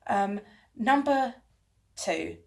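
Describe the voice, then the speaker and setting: A woman talks casually to camera at home, her books on shelves behind her. She is chatty and self-mocking and breaks into laughs often, at a middling pitch. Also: lively intonation, very slow, gravelly. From London, England. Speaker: channel host.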